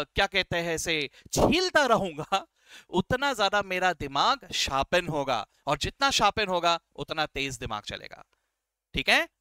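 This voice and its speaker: A man with a high, bright, forceful voice and clean tone speaks with no echo. Friendly and encouraging, he teaches a beginners' accounting class step by step in mixed Hindi and English. He addresses students as "beta" and "sir" while repeatedly checking "right?" and "okay?".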